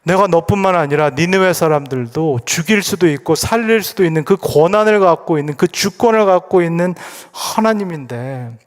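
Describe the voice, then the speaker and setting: 남성 목사가 옮기는 점잖게 타이르는 하나님. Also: male voice, fairly high pitch, in a large hall, pitched above the performer's own voice, close to an everyday voice. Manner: gentle, questioning, reasoning. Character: God, calm patient questioning father.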